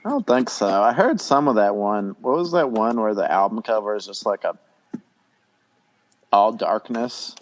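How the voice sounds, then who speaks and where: A man co-hosting a casual music podcast, laid-back and joking, sometimes speaking in quick bursts. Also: lowish voice, expressive. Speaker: podcast co-host. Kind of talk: casual chat.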